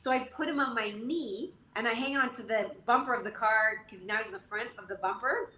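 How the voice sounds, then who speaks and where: A woman in her forties from Canada, a jockey guest telling stories in an animated, casual way full of fillers. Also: a little high, a little fast. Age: 40s. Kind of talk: casual interview storytelling. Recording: echoey room, faint noise.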